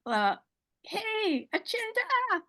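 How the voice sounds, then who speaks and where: A woman's voice: extremely high pitch, big pitch swings, very slow, bright, forceful tone. A woman hosting an online panel on a video call, chatty and enthusiastic, laughing often. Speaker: host and moderator.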